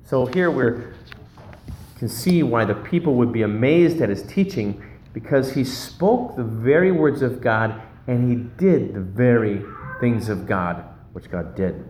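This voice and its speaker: A man delivering a relaxed, chatty sermon from a church sanctuary, pausing now and then to find his place. His voice sits at a middle pitch. The room echoes around him, with a light hum of ambience behind. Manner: casual, searching for words, loses his notes. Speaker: pastor.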